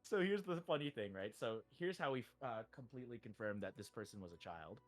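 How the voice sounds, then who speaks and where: A male streamer telling a story in casual chat. He is animated, swears freely and acts out the quotes. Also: medium pitch, fairly quick, faint music behind.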